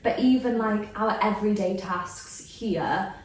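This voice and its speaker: A woman's voice: mid-range voice, measured pace, a little hiss or hum. A chatty, giggly woman hosting a casual podcast. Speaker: podcast host, bridal stylist. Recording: echoey room, distant from mic.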